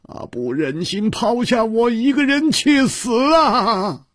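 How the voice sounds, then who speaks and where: A man voicing a frantic young swordsman, shouting in a shrill, hoarse voice. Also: lively intonation, takes it slowly, no room sound, clean studio sound, exaggerated voice. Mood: desperate pleading.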